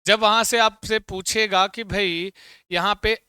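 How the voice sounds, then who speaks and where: A man's voice: high-pitched, steady tone, unhurried, bright, forceful tone, clear, resonant tone, no echo. A middle-aged man teaching Sanskrit verb forms, chanting them for students to repeat and teasing them along. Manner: playful scolding, calls students beta. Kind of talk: classroom lesson with call-and-repeat drills.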